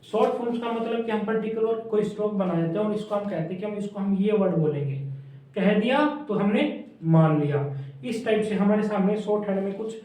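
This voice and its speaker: A man teaching a shorthand lesson at a whiteboard, drilling words by repeating them slowly. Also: sits high, warm tone. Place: classroom with whiteboard. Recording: very echoey room, mic far off.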